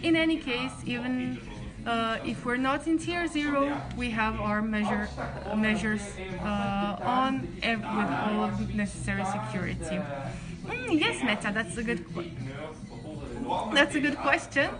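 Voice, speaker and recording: A woman's voice: on the high side, lively intonation, a little slow. A young woman from Croatia, a residence staff member hosting a friendly, chatty live-stream Q&A. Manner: friendly, chatty, many restarts. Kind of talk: live-stream Q&A, reading chat questions. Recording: crowd chatter behind.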